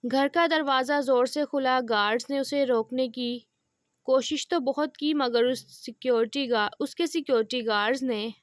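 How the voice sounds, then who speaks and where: A woman narrating a romance audio novel in a calm, measured storytelling manner, greeting her listeners first. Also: high-pitched, no echo, studio quality.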